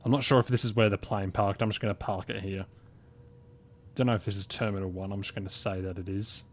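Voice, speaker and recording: A man giving casual, relaxed live commentary while he plays a flight simulator. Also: fast. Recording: low game engine rumble behind voice.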